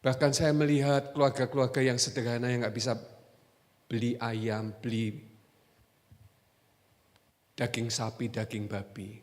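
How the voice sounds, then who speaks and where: A man preaching a sermon as pastor, animated and joking, repeating his exhortations. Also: medium pitch, a little slow, pauses often. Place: church hall. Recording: echoey church hall.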